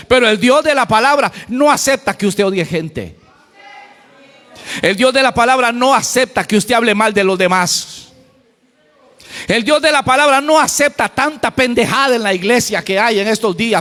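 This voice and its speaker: High-pitched Costa Rican preacher man. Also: a bit bright. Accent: Costa Rican Spanish. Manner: colloquial, humorous, emphatic preaching. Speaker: pastor. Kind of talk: sermon with storytelling. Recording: church hall with long reverb.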